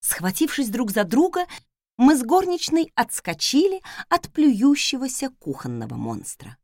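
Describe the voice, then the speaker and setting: A woman narrating a first-person fantasy audiobook in a lively, ironic storytelling manner. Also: sits high, a little slow, dry recording, clean studio sound. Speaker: audiobook reader.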